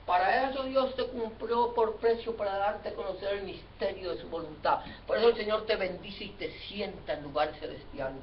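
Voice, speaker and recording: A male preacher giving a fervent sermon, repeating phrases and rising to shouts. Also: sits high, moderate pace, hardly any pauses, a little hiss or hum. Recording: echoey, distant, dull church recording.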